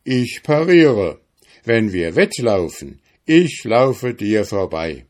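A man's voice: fairly low pitch, big pitch swings, slow pace, a little mellow. A man voicing a crafty, bossy male hedgehog in a fairy tale. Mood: boastful. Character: sly, gruff male hedgehog.

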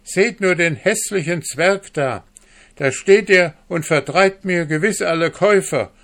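A furious market woman from a storybook reading, her voice pitched high and loud with scorn, put on by a man. She scolds in sharp outbursts, and the delivery stays slow and drawn out. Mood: indignant. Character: angry middle-aged market woman, shrill and scornful.

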